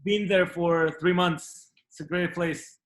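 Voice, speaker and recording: Host: man, slightly high voice, halting Q&A moderator on a video call, echoey room. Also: fairly even intonation. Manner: switches between English and Spanish, halting.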